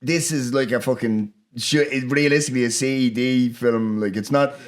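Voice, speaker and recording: A man from Ireland with a Dublin accent hosts a laid-back film podcast, talking informally, swearing and frequently ending with "do you know what I mean." He speaks at normal speed in a medium-pitched voice.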